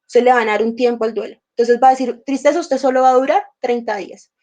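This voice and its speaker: A woman's voice: fairly high pitch, fast talker, dark tone. A woman leading an emotional intelligence workshop, talking conversationally and acting out inner dialogues with her emotions, her throat a little sore. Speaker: workshop teacher.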